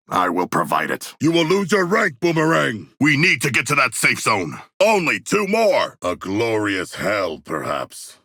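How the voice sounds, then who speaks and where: A proud shark demigod for a video game, low and rough-edged with a forceful bite. The creature speaks in stately, formal phrases, earnest and grandiose. The recording is dry and close. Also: male voice, no room sound, heavily acted. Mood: measured, thoughtful, then bold, commanding. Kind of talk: video game character voice lines.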